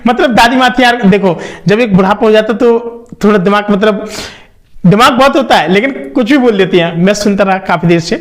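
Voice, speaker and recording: High-voiced young man telling a story. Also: fairly quick. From Kanpur, India. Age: young adult. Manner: chatty, excited, motivational, addresses viewers directly. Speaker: vlogger. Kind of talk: casual storytelling.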